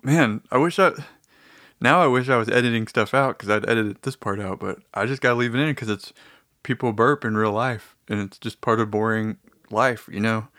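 A man's voice: on the low side, normal speed, a bit bright, no room sound, clean studio sound. A man talking to his audience in a casual, meandering, easygoing monologue.

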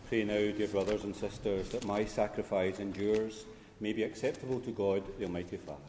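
A very low, mellow male voice reciting liturgical prayers in a measured, solemn way. His words roll out into a long cathedral echo that hangs in the large church. A faint hum of the room sits underneath. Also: fairly even intonation. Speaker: priest celebrating a funeral Mass.

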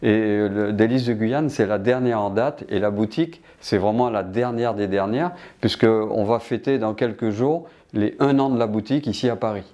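Man, older, from Martinique, interviewee, hesitant, restarts often, dark mellow voice. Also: on the low side, normal speed, hardly any pauses. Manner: hesitant, many restarts and fillers. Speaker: business director interviewed. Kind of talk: interview answers.

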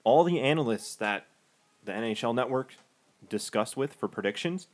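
A man's voice: medium pitch, expressive, moderate pace. A man co-hosting a casual podcast, giving firm, sarcastic opinions about sports. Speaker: podcast co-host.

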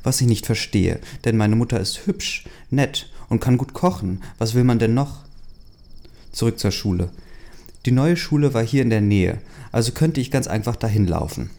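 A man's voice: medium pitch, expressive, normal speed, creaky, warm tone. A man casually reading a fan story aloud, hesitant, with many fillers and chatty asides. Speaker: story reader.

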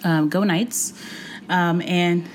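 The audio quality is poor, with a faint hum of room noise, as a woman in her forties speaks as a podcast interview guest. Originally from Puerto Rico with Spanish as her first language, she has a low voice with fairly even intonation and pauses often with thoughtful ums and soft laughs.

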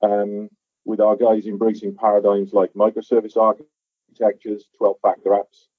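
A man who is a guest on a podcast, explaining his work in a measured way with some fillers and restarts. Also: lowish voice, completely flat delivery, breathy edge, dry recording. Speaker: podcast guest, software architect. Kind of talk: conversational interview. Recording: tinny phone-line audio.

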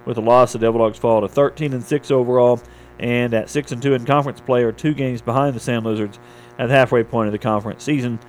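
A male radio anchor delivers a scripted local newscast at a middling pitch. He reads like a small-station morning host covering sports and weather, with noticeable hum and noise behind him. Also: fairly even intonation, fast, low-quality recording. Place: radio studio.

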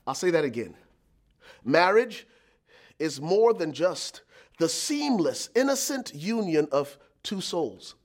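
A man's voice: fairly high pitch, big pitch swings, slow pace. A middle-aged man from Liberia, preaching a sermon as pastor with emphatic, repeated lines and calls to the congregation.

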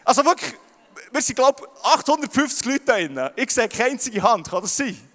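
A young man with a Swiss German accent preaches a sermon to a packed hall. He speaks high and talks straight to his listeners, stumbling over repeated words. His voice rings out with a long hall reverb. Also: very animated, fairly quick, fairly bright tone. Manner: stammers on repeated words, addresses crowd directly. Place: large hall with audience.

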